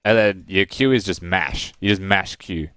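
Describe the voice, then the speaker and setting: A man with a deep, low voice, chatting in a laid-back way on a gaming stream. He explains the game to his friends casually. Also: normal speed, fairly bright tone, smooth, no echo, studio quality. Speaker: stream co-host.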